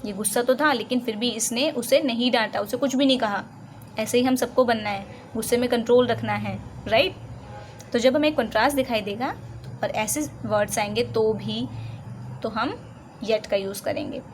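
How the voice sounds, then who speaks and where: A fairly high-voiced woman with an Indian accent teaches English conjunctions, explaining in Hindi. She reads each English example slowly and deliberately, then asks and answers her own questions. A faint hiss sits under the recording. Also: poor audio.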